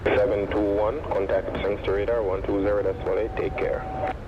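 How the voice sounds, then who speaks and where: Low-voiced male tower controller on noisy radio. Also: flat delivery, moderate pace. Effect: aircraft radio transmission. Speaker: airport tower air traffic controller. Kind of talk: clipped air traffic control instructions. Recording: muffled noisy airband radio.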